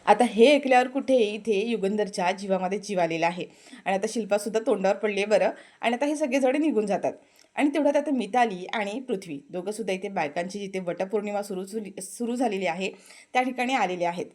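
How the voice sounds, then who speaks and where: A woman's voice: mid-range voice, fairly quick, a little mellow. A woman with a Marathi accent giving a casual spoken recap of a TV serial episode, briefly acting out the characters' lines as she goes.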